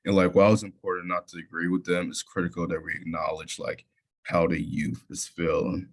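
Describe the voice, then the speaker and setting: A man's voice: low voice, level tone, a little fast. A young man sharing a personal story in a presentation, talking casually with many fillers and restarts. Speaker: youth leader presenter.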